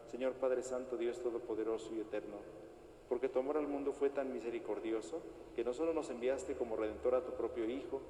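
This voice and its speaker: A man, leading prayers at Mass as the priest in a slow, solemn, formal way, his voice ringing with cathedral echo. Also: medium pitch, mellow. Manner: measured, solemn, formal intoning. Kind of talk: liturgical prayer recitation at Mass. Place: large church. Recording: echoey church with long reverb, faint noise.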